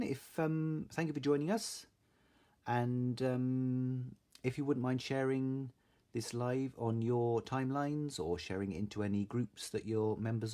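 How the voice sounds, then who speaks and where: A man from Salisbury in southern England hosts a craft live stream, greeting viewers and chatting in a casual, informal way. His voice sits at a medium pitch and has a warm tone.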